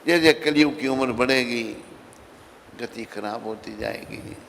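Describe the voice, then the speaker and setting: A man's voice: medium pitch, slow, gravelly, a bit bright. A man giving a devotional sermon, telling a story and acting out its dialogue in a raised voice. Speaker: swami giving a devotional lecture. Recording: long hall reverb with faint background noise.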